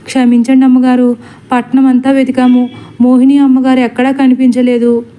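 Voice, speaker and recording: A woman voicing a rough village servant man who shouts and stammers with fear. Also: sits high, monotone, moderate pace, close to an everyday voice. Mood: humble. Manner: loud, rustic, stammering when afraid. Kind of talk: storybook acting.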